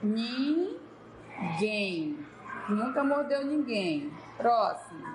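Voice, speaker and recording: Woman literacy tutor, slow and patient, fairly high voice, noisy room. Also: very animated, echoey room. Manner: patient, coaxing, sounds out syllables slowly. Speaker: literacy teacher. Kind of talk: one-on-one reading tutoring.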